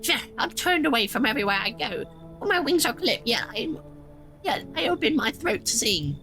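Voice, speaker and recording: A woman's voice: sits high, big pitch swings, moderate pace, bright, forceful tone, soft background music, exaggerated voice. A woman voicing a weary, sly old wandering lady who speaks in folksy riddles with a tired old voice. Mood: ominous, knowing. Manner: folksy, riddling, calls listener dearie.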